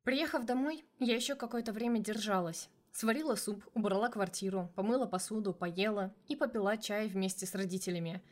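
A woman narrates a first-person novel, her voice sitting at a middle pitch. She tells the story in an even, steady storytelling manner. It is a calm audiobook reading. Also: a little fast, few pauses.

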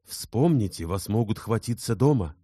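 A man voicing an anxious, gentle young man who urgently reassures a distraught woman. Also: on the low side, lively intonation, normal speed, husky, no room sound, studio quality, voice pushed up.

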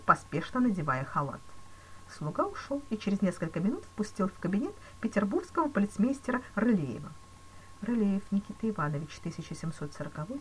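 A woman's voice: mid-range voice, a little hiss or hum, low-quality recording. A woman reading a novel aloud as narrator, telling the story expressively. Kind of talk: audiobook narration.

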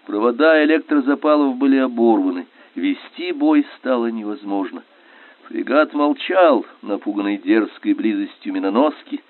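A man's voice: mid-range voice, no echo. A man reading a dramatic audiobook story as the narrator, on a dry, tinny narrow-band recording.

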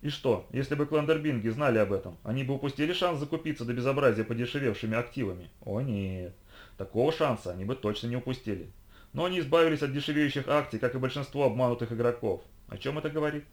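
A man voicing a cold, sharp young woman who interrogates a captive with icy, commanding reasoning. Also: mid-range voice, fast talker, natural voice.

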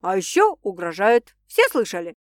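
A woman's voice: medium pitch, very animated, moderate pace, no room sound, clean studio sound, close to an everyday voice. Stern coworker guy breaking up a fight, firm, a woman reading it, audiobook. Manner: firm, indignant. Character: stern young male coworker, calm peacemaker.

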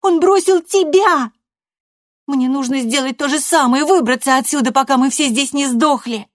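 A woman voicing a furious, defiant teenage girl who shouts bitter accusations. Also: medium pitch, flat delivery, moderate pace, no echo, clean studio sound, voice pushed up, natural voice.

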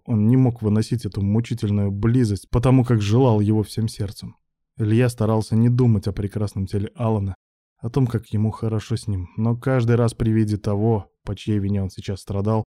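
A man narrating a story in an even, measured reading. His voice sits low and has a very dark, mellow tone. The recording is dry and close. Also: no echo. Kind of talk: audiobook narration.

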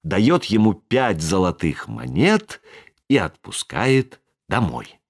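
A narrator reading a fairy tale aloud with expressive, dramatic delivery. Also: medium pitch, takes it slowly, gravelly. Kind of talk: storybook reading.

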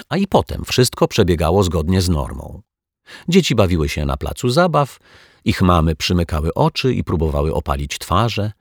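Deep, husky man reading a children's story. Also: no room sound, studio quality. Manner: expressive, lively storytelling. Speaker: audiobook narrator.

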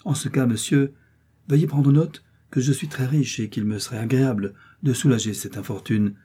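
A man reading the part of a rich, kind-hearted gentleman who speaks in an earnest, courteous way. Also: mid-range voice, normal speed, breathy edge, natural voice.

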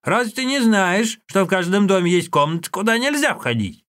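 A man voicing a cranky old woman who keeps a teahouse, shrill and shouting scoldings in a storybook reading. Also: very animated, brisk. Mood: angry scolding.

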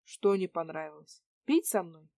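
A woman's voice: fairly low pitch, expressive, moderate pace, dark tone, no echo, lightly acted. Woman reads smug cynical man in his forties, sarcastic and pushy. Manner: sarcastic, needling questions.

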